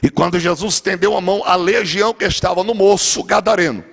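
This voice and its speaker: A man's voice: high voice, fast talker, gravelly. A man with a Brazilian accent preaching a fervent, declamatory Pentecostal sermon in a church. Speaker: pastor. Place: church with a gallery.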